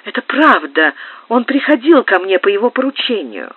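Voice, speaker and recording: A woman's voice: mid-range voice, big pitch swings, normal speed, husky, no room sound, voice pushed up. A woman reading an audiobook, voicing a proud, anguished young countess in an impassioned, pleading manner. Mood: fearful. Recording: tinny narrow-band dry digitized tape.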